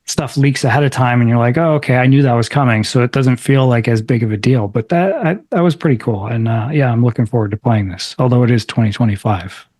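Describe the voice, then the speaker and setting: A man on a casual games podcast, his voice at an ordinary pitch and recorded close and dry. He hedges and hesitates as he talks. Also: fast, few pauses, darkish tone, dry recording. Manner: hesitant, hedging. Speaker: podcast co-host. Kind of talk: casual chat.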